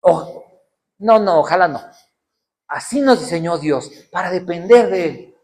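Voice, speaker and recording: A man's voice: high-pitched, animated, a little slow, darkish tone. A man with a Mexican accent preaching a sermon in an event hall, talking conversationally and asking rhetorical questions.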